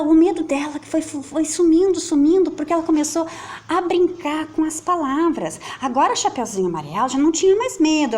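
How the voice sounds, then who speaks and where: A woman with a high, darkish voice and a Brazilian Portuguese accent reads a kids' story aloud with a playful sing-song lilt. She's a teacher, at home with children and a pet around her.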